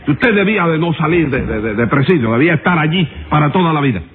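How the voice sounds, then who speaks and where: A man's voice: a little high, expressive, fast, a little hiss or hum, close to an everyday voice. A man playing a stern judge who lectures and corrects words in an old radio comedy. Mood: exasperated. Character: exasperated pompous male judge. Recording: tinny old radio recording.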